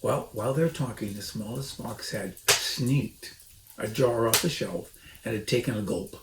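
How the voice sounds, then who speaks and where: Speaking a little slowly at medium pitch with some vocal fry, a storybook reader and host performs the text dramatically while chatting casually between lines. The room echoes noticeably, and faint noise sits in the background.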